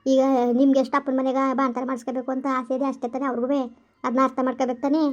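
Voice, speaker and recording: A woman's voice: high-pitched, level tone, rapid-fire, voice pushed down. A woman voicing a young woman who keeps comforting her sister-in-law, with soothing, repeated reassurances. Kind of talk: animated story voice-over. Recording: lo-fi, dull voice-over.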